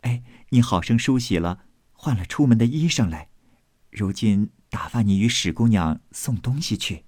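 A man reading aloud voices a composed, practical senior maid who gives steady instructions and scolds gently, in a storybook reading. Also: on the low side, moderate pace, no echo, studio quality. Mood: calm instruction.

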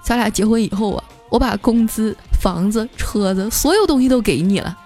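A woman puts on a henpecked husband, sheepish and whining in a mid-pitched voice. Music plays clearly behind him in this comic storytelling podcast. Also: expressive, a little fast, darkish tone. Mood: whiny. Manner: whiny, sheepish. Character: henpecked married man, the narrator's brother.

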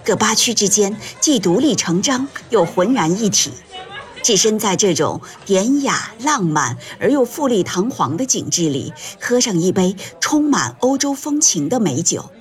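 A woman narrates an audiobook in a gentle, measured way. Her pitch moves lively across each sentence. Faint music plays underneath her voice. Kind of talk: scripted narration.

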